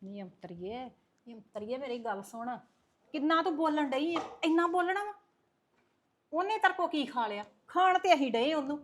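Scolding older woman, woman acting, high voice, lecturing. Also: normal speed.

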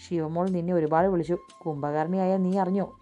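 A woman voicing a scolding mother chiding a loud girl in a storybook reading. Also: fairly low pitch, steady tone, fairly quick, soft background music, close to an everyday voice.

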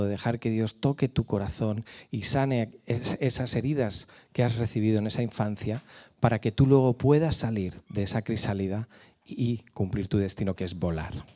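Un hombre de unos cuarenta años con acento madrileño, hablando a una congregación en una iglesia con micrófono de mano, con muchas pausas y muletillas. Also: male voice, lowish voice, mellow. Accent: Madrid Spanish. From Spain. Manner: hesitant, many fillers and restarts. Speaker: guest speaker at a church. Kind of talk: church talk to a congregation. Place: church hall with a small stage. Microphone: handheld microphone.

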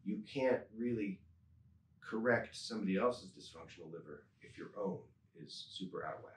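A man in his fifties, a chiropractor being interviewed, speaking calmly and earnestly in an office. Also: lowish voice, normal speed. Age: 50s. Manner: calm, earnest, repeats phrases for emphasis. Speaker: chiropractor guest. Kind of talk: reflective interview talk. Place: office with a desk and a skeleton model. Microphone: desk microphone on a stand. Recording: roomy office sound, mic a bit distant.

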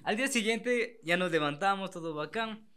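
A young man, co-hosting a podcast and telling a story in a lively, slangy, laughing way. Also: high-pitched, moderate pace, smooth. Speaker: podcast co-host. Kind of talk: casual storytelling chat.

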